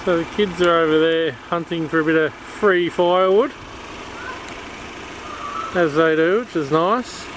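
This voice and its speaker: A middle-aged Australian man films a camping trip for a casual vlog, trading laid-back jokes with his kids. His voice is a little high, measured and full of pauses, and the noisy camera audio moves from inside a car to an outdoor bush campsite.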